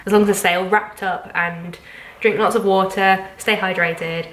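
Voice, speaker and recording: A young woman vlogger with a cold chats casually to camera, rambling with lots of ums and likes, her stuffy, nasal voice mid-range and fairly bright. She keeps a steady tone at a moderate pace, recorded in an echoey room with a little hiss or hum.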